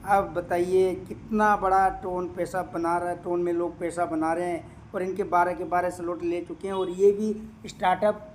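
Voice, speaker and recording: A man's voice: high-pitched, level tone, moderate pace, hardly any pauses, slight background noise. A man working through income sums aloud. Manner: counts out figures aloud, repeating numbers, with many hesitations. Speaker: crypto income promoter. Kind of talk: screen-share walkthrough with running calculations.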